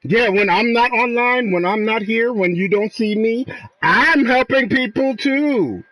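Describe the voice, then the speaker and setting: A man's voice: very high-pitched, unhurried, a bit bright, dry recording. A man streaming a game who argues with a friend in casual banter, mocking him and swearing freely. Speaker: gaming streamer.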